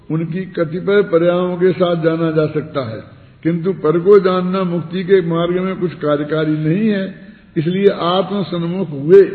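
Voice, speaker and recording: Man teaching in an echoey hall. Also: on the high side. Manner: conversational, full of rhetorical questions. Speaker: religious teacher. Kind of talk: spiritual discourse. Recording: tinny, echoey hall recording.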